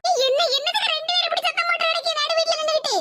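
A performer voicing a sharp-tongued middle-aged mother in an animated comedy, with a Tirunelveli Tamil accent and a nagging, scolding manner. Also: extremely high pitch. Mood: exasperated. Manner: nagging, scolding, rapid complaints. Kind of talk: animated comedy sketch voice acting. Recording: loud background hiss.

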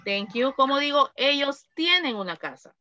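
A woman's voice: sits high, expressive, moderate pace, bright, forceful tone, no room sound. A woman teaching an online English class, prompting students with questions. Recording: dull lo-fi audio.

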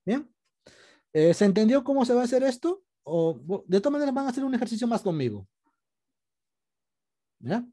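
Male teacher, patient and step-by-step, video call, very animated pitch. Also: moderate pace, pauses often. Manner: patient, explains step by step, asks students questions. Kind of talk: online class lesson.

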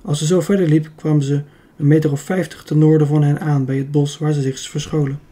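Mellow man reading a storybook. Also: a little high, level tone, fairly quick. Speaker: audiobook reader. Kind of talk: storybook narration.

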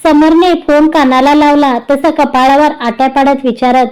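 A woman's voice: sits high, steady tone, moderate pace, a little mellow, low-quality recording. A woman narrating a serialized family story, reading every character's lines in her own voice.

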